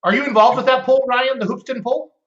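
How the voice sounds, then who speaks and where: A man's voice: very high voice, steady tone, fast, fairly bright tone, a little hiss or hum. A man chatting casually as a talk show co-host. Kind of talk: casual chat. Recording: dull lo-fi, echoey room.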